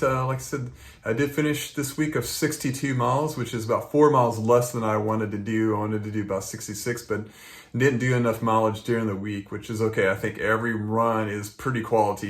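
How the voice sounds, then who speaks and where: American guy doing a casual running vlog, flat delivery, kinda rambling and halting, lowish voice. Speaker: running vlogger. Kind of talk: casual vlog talk to viewers.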